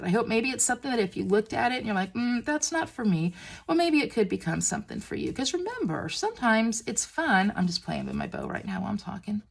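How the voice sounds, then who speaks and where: A woman demonstrating stamping crafts, gushing and excitable as she talks while working with her hands. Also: medium pitch, creaky, slightly rough. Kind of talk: crafting tutorial.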